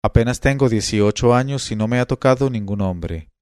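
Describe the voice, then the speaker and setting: A man's voice: mid-range voice, normal speed, a little mellow, dry recording, clean studio sound, lightly acted. A man reading the lines of a bold, teasing eighteen-year-old noblewoman in a storybook tale, in a playful, coaxing way.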